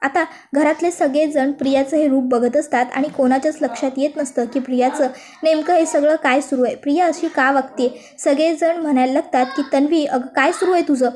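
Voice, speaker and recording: A woman narrating a recap of a TV serial in steady storytelling. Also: sits high, brisk.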